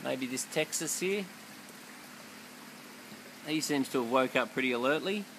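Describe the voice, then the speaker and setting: A man, an aquarium keeper giving a relaxed, offhand explanation with fillers. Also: mid-range voice, measured pace, a little hiss or hum, low-quality recording. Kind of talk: casual on-site explanation.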